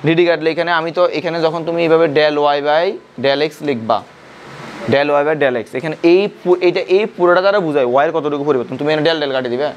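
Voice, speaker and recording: High-voiced man tutoring in class. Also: quick pace, highs cut off, a little hiss or hum. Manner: questioning students, repeating points. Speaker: physics tutor. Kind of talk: classroom lecture.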